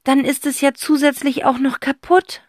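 A woman's voice: sits high, level tone, normal speed, dry recording, clean studio sound, voice pushed up, close to an everyday voice. Woman playing an eager, clever young boy. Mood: reasoning.

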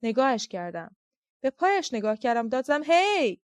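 A woman narrating a literary audiobook in a measured, reflective way. Her voice sits a bit high. The recording is close and dry, with no room sound. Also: big pitch swings, a little mellow, clear, resonant tone, no room sound.

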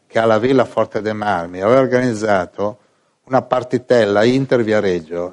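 A man with a mid-range voice tells anecdotes to a listening group in a casual, lively way. He keeps mimicking the people in his stories, jumping up into their voices and back down to his own. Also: mid-range voice. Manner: animated, imitates other voices in quotes. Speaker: storyteller.

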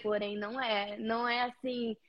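A house cleaner from Paraná, Brazil, with a slightly high voice and little pitch movement, speaks at a moderate pace in a muffled recording. She is a friendly, somewhat nervous guest in a casual video-call interview, using many fillers.

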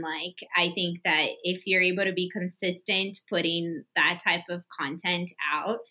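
A woman talks freely as a guest on a podcast. Her voice is bright and slightly low, and her sentences wander with "like" fillers. The tone stays casual and friendly. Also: rough recording. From Brazil. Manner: chatty, many "like" fillers. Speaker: guest, staging company co-founder.

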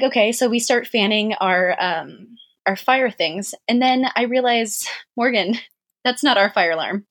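Husky woman telling a story. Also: mid-range voice. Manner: animated, laughs often, says "like" a lot. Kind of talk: casual storytelling chat.

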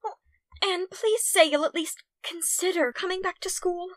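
A woman playing a gentle, loyal young schoolgirl in a period audio drama, earnest and prim. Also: extremely high pitch, moderate pace, dry recording. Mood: earnest, pleading.

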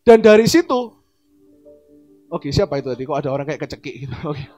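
Man, pastor, sermon, middle-aged, high voice, faint music behind. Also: brisk. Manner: animated, acts out quoted dialogue with big pitch swings.

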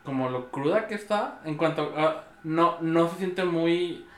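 A man's voice: on the high side, a little slow. Man, hesitant podcast co-host, echoey room. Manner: hesitant, many fillers and false starts. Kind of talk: casual chat.

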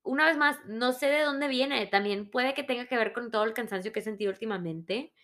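A woman around thirty with a Mexican Spanish accent, telling stories in a casual, animated, self-mocking monologue. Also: a little high, brisk. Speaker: vlogger.

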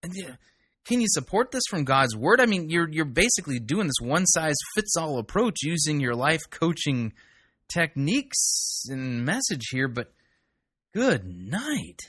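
Sarcastic man with a husky voice. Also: a little high, unhurried, no echo, clean studio sound. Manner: mocking, exasperated, animated. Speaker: podcast host critiquing a sermon recording. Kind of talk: sarcastic commentary.

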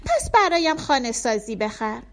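Casting: a woman doing a curious small boy, high and wide-eyed, eager and questioning, storybook reading. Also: sing-song, fairly bright tone. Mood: childlike. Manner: eager, questioning child talk.

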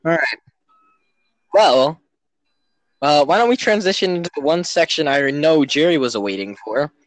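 A man's voice: fairly high pitch, lively intonation, normal speed, no room sound, poor audio. A man hosting a casual podcast over a call, teasing and joking at his friends. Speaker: podcast host. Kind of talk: casual chat. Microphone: remote call mic.

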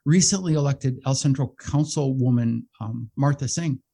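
A middle-aged man who hosts a radio show, talking as a guest in a casual interview, animated and self-deprecating, laughing often. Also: mid-range voice, normal speed, gravelly, breathy edge. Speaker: radio show host and behavioral health manager, guest.

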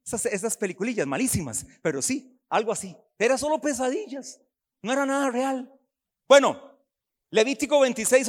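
Male pastor from Costa Rica, high voice, fiery sermon delivery with shouted sung peaks, long church reverb. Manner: fiery preaching with sung, shouted swells and quiet asides. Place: church hall.

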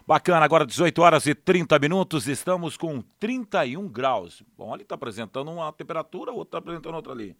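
A man's voice: on the high side, lively intonation, fast talker, hardly any pauses, no room sound, studio quality. A Brazilian man hosting live radio in a casual, chatty style. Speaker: radio host.

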